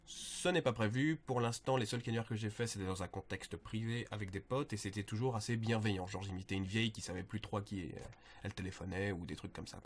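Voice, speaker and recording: A man's voice: fairly low pitch, fast, slight background noise. Young male video creator, casual Q&A, joking and loose. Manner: joking, offhand, slangy. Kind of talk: casual Q&A answering fan questions.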